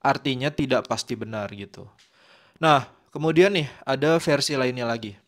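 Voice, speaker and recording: A man's voice: medium pitch, moderate pace. Casual-talking man teaching. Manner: relaxed, conversational, with frequent fillers and tag words. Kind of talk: casual explanatory lesson.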